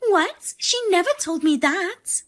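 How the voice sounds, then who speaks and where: Woman voicing a high-pitched sister-in-law, pushy, scornful, sharp and demanding, storybook drama. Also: lively intonation, slow, heavily acted.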